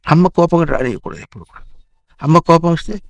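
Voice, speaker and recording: A man, a spiritual teacher, gently instructing a child through repeated questions. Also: a little high, a little fast, no echo. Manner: animated, repetitive questioning.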